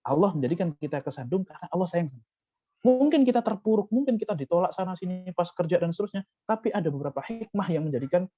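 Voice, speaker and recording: A man with an Indonesian accent teaching a casual religious lesson, talking conversationally and acting out lively quotes. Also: sits high, rapid-fire, dry recording, dull audio, faint music behind. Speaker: Quran commentary teacher.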